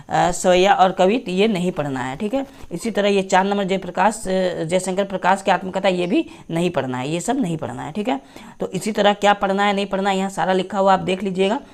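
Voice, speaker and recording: A woman teacher goes through a class syllabus on screen, checking in with listeners again and again. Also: medium pitch. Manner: repetitive, checks in with "theek hai". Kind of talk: screen-share syllabus walkthrough.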